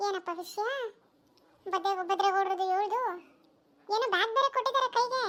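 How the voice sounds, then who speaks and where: A nosy village busybody, voiced by a woman, who mutters and schemes in a high, quick voice. Cartoon voice acting. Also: sharp tone.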